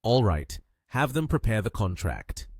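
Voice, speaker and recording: A man playing a calm, cocky rich young man in a storybook recap, speaking softly and sure of himself. the voice sits low with lively rises and falls, and the sound is dry and close. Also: measured pace, breathy edge, no room sound, heavily acted. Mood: self-assured. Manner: soft, self-assured.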